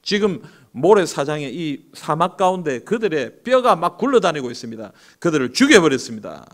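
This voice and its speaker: Boastful demon underling, played by a preacher; smug, bragging report, somewhat high voice. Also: male voice, very animated, moderate pace. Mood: triumphant.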